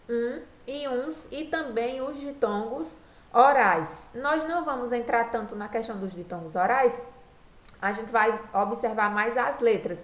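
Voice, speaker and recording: A woman teaching a recorded lesson, patiently walking through each rule step by step. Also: on the high side. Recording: echoey room.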